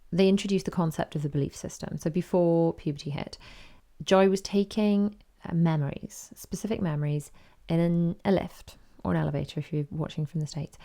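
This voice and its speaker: Brief: woman podcast host, chatty storyteller, low and gravelly, mellow tone. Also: normal speed. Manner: chatty, animated retelling with quoted voices. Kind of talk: casual chat.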